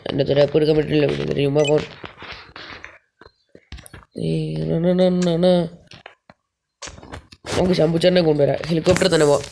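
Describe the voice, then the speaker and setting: A man's voice: a little high, moderate pace, gravelly, long pauses, a little hiss or hum. Chatty young man doing game commentary. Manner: chatty, keeps calling out to guys; jumps into loud excited shouts. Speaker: gaming YouTuber. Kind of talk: casual gameplay commentary.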